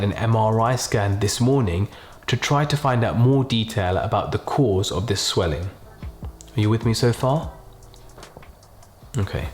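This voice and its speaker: A man playing a sympathetic doctor breaking bad news to a patient, slowly, quietly and gently, checking in between short phrases. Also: on the low side, close to an everyday voice. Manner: slow, quiet, gentle delivery in small chunks with check-ins. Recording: roomy, echoing voice pickup.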